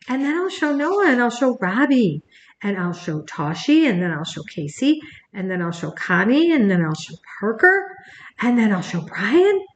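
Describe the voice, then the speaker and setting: A woman voicing an excited little girl from a picture book who chatters eagerly, listing friend after friend. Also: mid-range voice, highs cut off. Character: excited little girl showing off her toy.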